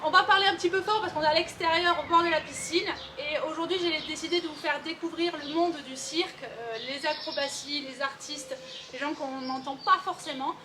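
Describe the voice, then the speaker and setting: A woman's voice: sits high, steady tone, a little fast. A woman in her twenties hosting a casual vlog interview outdoors by a pool, chatty and playful. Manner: playful, chatty, jokes around. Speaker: host. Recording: outdoor noise behind.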